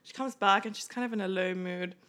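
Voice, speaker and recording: A woman's voice: medium pitch, fairly quick, a bit bright. A young woman guest on a podcast, chatting casually and telling a story with frequent giggles. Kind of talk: casual chat.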